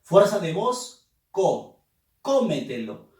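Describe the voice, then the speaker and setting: A man teaching a class, his voice rising and falling a lot as he leads students through syllable drills. He speaks slowly and patiently. The recording is roomy and echoey, picked up from some distance away from the mic. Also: fairly high pitch, sing-song, darkish tone. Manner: patient, drills students by asking them to pronounce and count syllables. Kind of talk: classroom lesson on accent rules.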